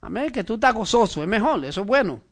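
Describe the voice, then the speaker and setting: A man's voice: high-pitched, very animated, fast. A man preaching a conversational sermon, often asking his listeners if they follow and adding amen. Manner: frequent "¿verdad?" and "amén" asides, addresses listener directly.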